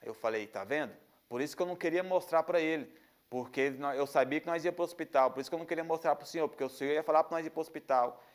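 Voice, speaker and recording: A man's voice: a little high, quick pace, smooth. A man with a Brazilian accent telling an earnest religious testimony, often repeating phrases and restarting his sentences. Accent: Brazilian Portuguese. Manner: frequent restarts and stumbles. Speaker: testimony speaker.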